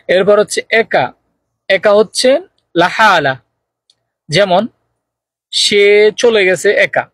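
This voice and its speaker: Husky man teaching spoken Arabic. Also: high voice, no room sound. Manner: slow, careful repetition of example phrases. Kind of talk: spoken language lesson.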